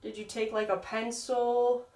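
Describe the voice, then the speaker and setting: Young american woman ghost hunting, jumpy slangy talk, slow, echoey and far from the mic. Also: fairly high pitch, level tone. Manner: nervous, slangy, talking softly to spirits. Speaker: paranormal investigator. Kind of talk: ghost hunt commentary. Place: dark echoing old prison cell block.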